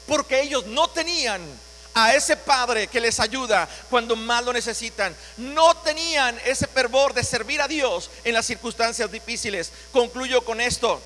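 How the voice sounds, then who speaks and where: A man delivers a sermon in a strikingly high, bright tone, dramatizing the words of scripture. His voice rings through a church hall with a long echo. A faint electrical hum sits underneath. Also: animated, unhurried. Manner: dramatic preaching, voicing scripture with rising intensity. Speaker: pastor.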